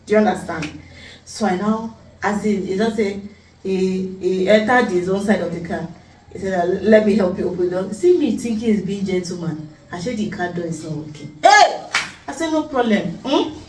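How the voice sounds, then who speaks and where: A woman's voice: medium pitch, a little fast, far from the mic. A young Nigerian woman with a Nigerian accent, telling a dramatic, teasing story in casual chat. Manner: animated, dramatic, teasing, pidgin-laced. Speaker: vlogger. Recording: echoey room, off-mic, faint hum.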